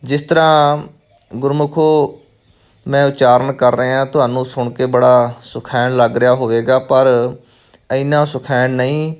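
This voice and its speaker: A man teaching the correct recitation of scripture. He chants each verse very slowly, then explains the pronunciation in quick, plain speech. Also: medium pitch, little pitch movement, clean tone. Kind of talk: slow recitation lesson.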